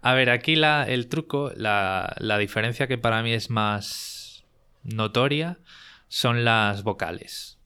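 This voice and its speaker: A man's voice: mid-range voice, slow, sharp tone, clean tone. A man from Galicia with a Spanish accent, a guest explaining things in a casual interview, with plenty of fillers. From Galicia, Spain.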